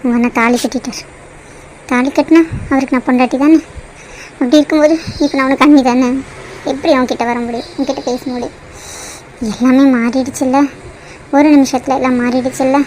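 A heartbroken young bride hurls bitter accusations in a high voice, as a woman acts her out. She sounds like a character from a cartoon drama. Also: steady tone, fairly quick, pauses often, a little mellow, slight background noise, lightly acted, rough recording.

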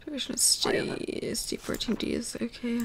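A woman's voice: on the high side, moderate pace, creaky, noisy background. A woman giving casual gameplay commentary, chatty and apologetic, thinking aloud with little giggles. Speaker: gamer. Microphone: desktop USB microphone.

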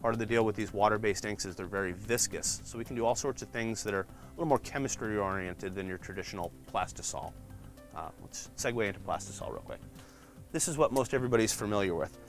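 A man with a low voice gives a casual walkthrough of a print shop, acting as a department guide and showing off the products. He talks at a quick pace in a relaxed way, with frequent "uh" fillers, explaining as he flips through shirts while soft music plays in the background.

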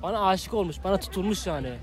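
A man's voice: high voice, quick pace. A man in his early twenties chatting casually as a street interviewer, cheeky, flirtatious and insistent. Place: outdoor park bench by a busy walkway. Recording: busy outdoor street noise, passing crowd.

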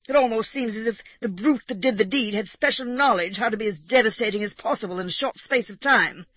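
A woman reading aloud, voicing an indignant country gentleman in agitated, huffy outbursts. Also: fairly high pitch, a little fast, husky, no echo, voice pushed up.

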